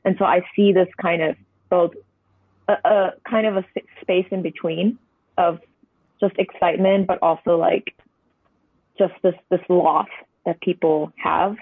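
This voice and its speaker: A husky, medium-pitched voice with fairly even intonation takes its time and pauses often. It belongs to a painter in their twenties from Hong Kong, a first-language Cantonese speaker, guesting on a conversational podcast interview over tinny, dry phone-line audio. The manner is reflective and meandering, full of hedging asides.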